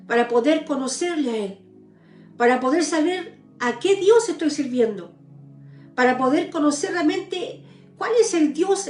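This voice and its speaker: Give me an earnest high-voiced woman. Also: a little mellow, roomy sound. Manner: earnest, tearful pleading prayers, addresses listeners as brothers. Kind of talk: live-streamed personal testimony.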